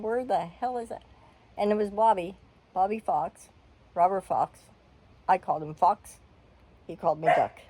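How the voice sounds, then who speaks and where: A woman's voice: fairly low pitch, warm tone, slight background noise, rough recording. Blunt older woman telling a story. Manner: candid, blunt, with coughs and sighs. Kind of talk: personal storytelling.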